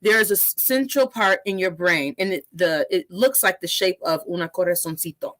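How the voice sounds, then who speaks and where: A woman in her thirties hosting a casual interview, energetic and sprinkling Spanish words into her English. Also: fairly low pitch, moderate pace. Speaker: podcast host.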